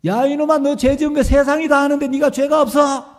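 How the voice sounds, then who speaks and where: A man acting out a stern older male pastor who scolds with a shouting voice. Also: high-pitched, big pitch swings, a little slow, big-room sound, heavily acted. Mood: roaring scolding. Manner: shouting rebukes, later gentle.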